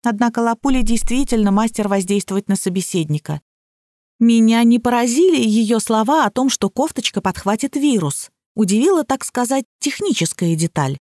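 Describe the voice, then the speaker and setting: A woman narrates a comic novel in the first person, her fairly high voice carrying a wry, ironic edge. The sound is close and dry, with no room echo. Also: animated, normal speed, a little mellow. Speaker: audiobook narrator.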